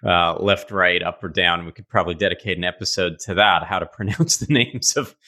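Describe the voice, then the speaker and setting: Male host, New York accent, bright energetic tone, casual joking interviewer. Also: sits low, fairly quick. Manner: chatty, joking asides. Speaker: podcast host.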